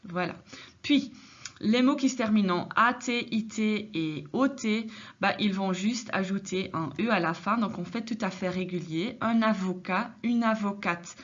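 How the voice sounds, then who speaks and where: A woman's voice: medium pitch, moderate pace, fairly bright tone. A woman teaching a grammar lesson, patient and explanatory, often adding a tag "hein". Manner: patient, many filler "hein"s, switches into Dutch for translations. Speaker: French teacher. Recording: slightly dull lo-fi recording.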